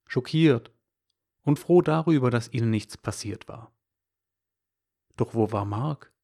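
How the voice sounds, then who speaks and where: A man delivering a scripted Christmas devotional, telling a story and then reflecting in a calm preaching manner. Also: medium pitch.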